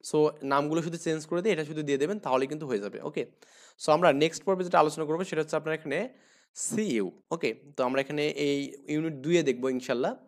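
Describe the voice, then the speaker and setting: Fairly high-pitched male teacher. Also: fast talker. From Bangladesh. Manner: explains word meanings, repeats "here" and "okay?" often. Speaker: English teacher. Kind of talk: online class lesson.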